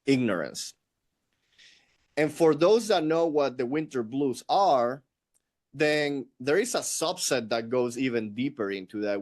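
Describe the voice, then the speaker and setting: A man of middle age speaks with a Venezuelan Spanish accent at a medium pitch. He tells his story to an interviewer in an earnest, unhurried, reflective way. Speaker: guest.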